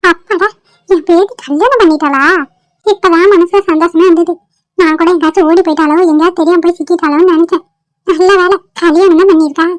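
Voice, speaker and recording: A woman's voice: fairly even intonation, fast talker, dry recording, faint music behind. A woman voicing a fretful, weepy but kindly elderly grandmother in an amateur cartoon, wailing and pleading. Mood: relieved. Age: older. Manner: wailing, pleading, high-pitched.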